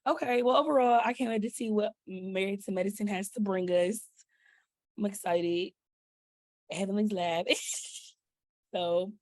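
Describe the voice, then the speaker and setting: A woman's voice: mid-range voice, measured pace, long pauses, a little mellow, dry recording. Chatty laughing woman host. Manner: laughs often, playful gossip. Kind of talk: casual chat.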